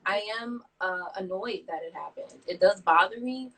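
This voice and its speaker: A woman from Brooklyn talks casually as a guest artist, pausing and restarting as she thinks aloud. Her voice is bright and a little husky. She sits back from the phone mic, so the live video call audio sounds distant. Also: medium pitch. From Brooklyn, New York. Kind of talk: casual interview over a live stream.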